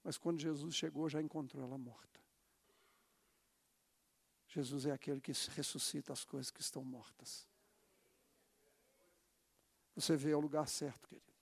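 Man, sermon, emphatic, raspy high voice, long hall echo. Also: steady tone, normal speed, long pauses. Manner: emphatic, has the congregation repeat phrases. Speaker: preacher.

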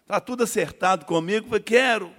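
A man with a Brazilian Portuguese accent giving a church testimony, telling his story in a lively way and acting out the dialogue. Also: fairly high pitch, moderate pace. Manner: animated storytelling, acts out dialogue. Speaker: testimony speaker. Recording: echoey hall reverb.

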